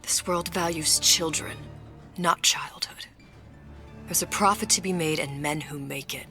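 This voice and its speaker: Brief: guarded, mysterious game heroine, low and cool. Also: female voice, measured pace, sharp tone, faint music behind, full character voice. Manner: cool, clipped, secretive.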